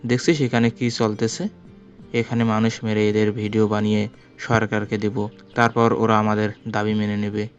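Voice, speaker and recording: A man's voice: lowish voice, monotone, moderate pace, muffled recording, soft background music, lightly acted. A man voicing a threatening plane hijacker who barks blunt orders. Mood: menacing. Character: menacing male plane hijacker, gruff and threatening.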